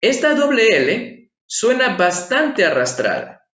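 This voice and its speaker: A man gives a patient online language lesson, his fairly high voice stopping often to ask his viewers rhetorical questions. The room has a noticeable echo. The sound is somewhat dull and lo-fi. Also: big pitch swings, takes it slowly, fairly bright tone. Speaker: language teacher. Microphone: screen-share voice-over.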